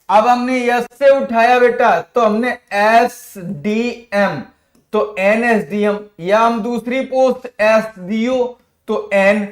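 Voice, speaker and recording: A man's voice: high-pitched, reverberant. A male teacher explaining grammar to students in a classroom, calling them "beta" and patiently walking through examples.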